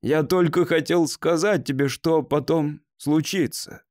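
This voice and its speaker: A man's voice: fairly high pitch, measured pace, darkish tone, no room sound, clean studio sound, voice pushed up, lightly acted. A man voicing an emotional grown man who is shaken at seeing his childhood self, his voice pleading. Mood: anguished.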